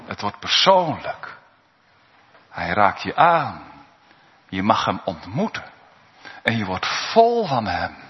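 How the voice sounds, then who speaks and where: A man preaches slowly and deliberately, his pitch leaping high and dropping low. The recording is muffled and lo-fi, and a long reverb trails every phrase in the church. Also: huge pitch swings. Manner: earnest preaching, swinging from soaring high cries to hushed low tones. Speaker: pastor. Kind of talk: sermon.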